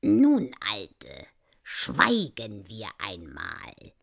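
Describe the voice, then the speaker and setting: A woman voicing a stubborn, grumpy old husband in a recited ballad, dropping her voice low and gruff, some words nearly whispered. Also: huge pitch swings, extremely slow, heavily acted. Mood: scheming.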